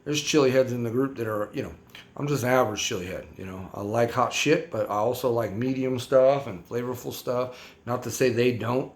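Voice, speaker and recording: A man's voice: mid-range voice, steady tone, fairly quick. A man casually reviewing a hot sauce for his vlog, rambling and slangy, repeating himself as he talks.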